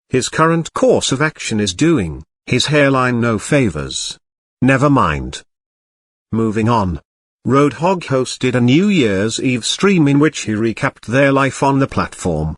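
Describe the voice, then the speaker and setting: A man's voice: medium pitch, no echo. A man voicing Bobby, a prim snarky robot cat. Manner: formal, archaic wording with dry sarcasm. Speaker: commentary narrator. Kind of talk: scripted drama-news commentary.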